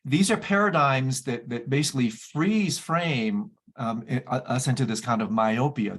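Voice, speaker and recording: A husky, mid-range male voice belongs to a podcast host conducting a conversational interview. He gushes enthusiastically about his guest's ideas.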